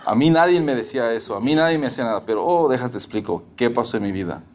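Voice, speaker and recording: A man's voice: medium pitch, expressive, quick pace, a little mellow. A man in his fifties preaching a sermon in a conversational way, asking the congregation questions and dropping in English phrases. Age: 50s. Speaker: pastor.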